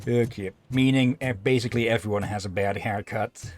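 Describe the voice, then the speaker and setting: A man hosting a let's play, giving casual commentary in a halting, rambling way. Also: lowish voice, fairly even intonation. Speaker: gaming video host.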